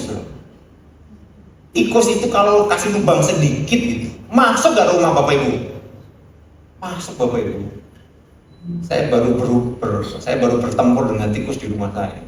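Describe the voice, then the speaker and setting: A man preaching a sermon in a large, very echoey church hall, picked up by a microphone some distance away. His voice sits a little on the high side, and he talks in an animated way, asking the congregation questions and acting out short scolding quotes. A faint murmur of room noise hangs behind him. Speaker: pastor.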